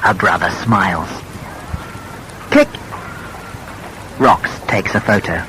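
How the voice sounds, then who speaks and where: Guy reading an easy storybook for learners, super slow, bright voice, bit of noise. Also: low-pitched, poor audio. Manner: slow, clear, very expressive. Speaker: reader. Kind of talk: reading a graded reader for learners.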